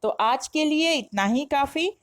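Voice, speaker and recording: A woman's voice: sits high, lively intonation, unhurried. A woman teaching a grammar lesson, explaining step by step and asking herself questions before answering them. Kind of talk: classroom-style lesson explanation.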